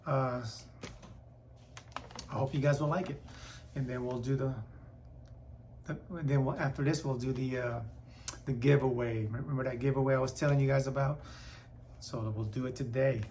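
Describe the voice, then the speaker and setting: A hoarse man who keeps clearing his throat, chatting casually and rambling as a comic book vlogger. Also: mid-range voice, fairly even intonation, moderate pace, pauses often, darkish tone, slight background noise. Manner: rambling, repeats and restarts words. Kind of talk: casual vlog chat.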